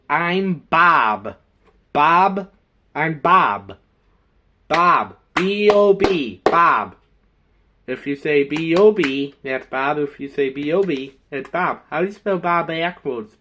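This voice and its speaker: A man's voice: on the high side, lively intonation, slow, sharp tone, slight background noise, pitched below the performer's own voice, exaggerated voice. A man voicing a silly character who keeps chanting and spelling his own name. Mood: playful. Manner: singsong repetitive.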